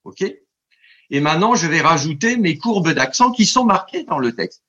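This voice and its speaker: Man, scholarly guest, husky slightly high voice, dull lo-fi sound, rambling and stammering. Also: moderate pace. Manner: digressive, stammering restarts, lively demonstrations of recited verse. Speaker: translator and scholar of ancient Greek. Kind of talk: radio interview, explaining at length.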